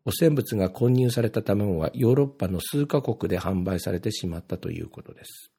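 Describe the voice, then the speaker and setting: A man's voice: lowish voice, lively intonation, fairly quick, gravelly, dark tone, husky. A man from Ibaraki talking casually on his own, reading his posts aloud and rambling with plenty of filler words. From Ibaraki, Japan.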